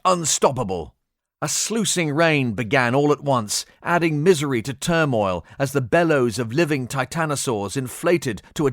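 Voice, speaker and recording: A man narrating an adventure audiobook with expressive, dramatic storytelling, in a studio. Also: medium pitch, no echo.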